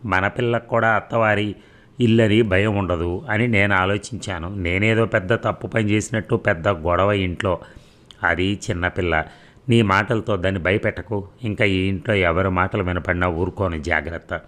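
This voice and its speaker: A man's voice: low-pitched, fairly even intonation, normal speed. A man voicing a stern, commanding, old-fashioned father in a read-aloud story. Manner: shouting, commanding threats.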